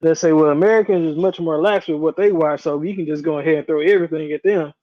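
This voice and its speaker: A man's voice: a little high, steady tone, quick pace. A man co-hosting a podcast, chatting casually and cutting in with jokes. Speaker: podcast co-host. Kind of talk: casual chat. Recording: dull lo-fi mic.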